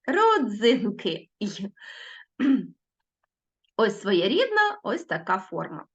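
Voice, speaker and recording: A woman teacher giving a recorded lesson to schoolchildren, slowly spelling out sounds and words. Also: fairly high pitch, big pitch swings, muffled recording.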